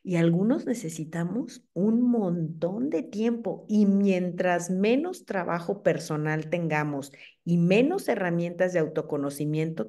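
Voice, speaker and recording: A middle-aged woman with a Mexican Spanish accent gives an animated, conversational talk to a room of mothers, often checking in with them. Her voice is mellow and warm, never sharp. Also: lowish voice. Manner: animated, asks the audience "¿ok?".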